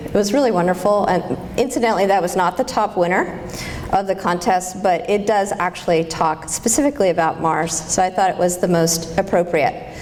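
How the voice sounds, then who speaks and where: Woman presenter at a conference, earnest and keen, mid pitch, slight hall reverb. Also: darkish tone. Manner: enthusiastic, earnest with some restarts. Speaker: conference speaker. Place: convention hall. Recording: faint hall reverb with light noise.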